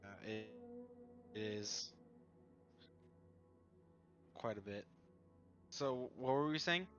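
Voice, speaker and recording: A man's voice: fairly low pitch, takes it slowly, over music. A man playing in an online tabletop game, his voice breaking up and cutting out over a bad call connection, trailing off mid-sentence. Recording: muffled lo-fi internet call audio.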